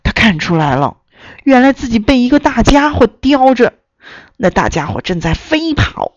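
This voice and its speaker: A woman reading a children's story aloud in an expressive storytelling way. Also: on the high side, moderate pace, dry recording, muffled recording.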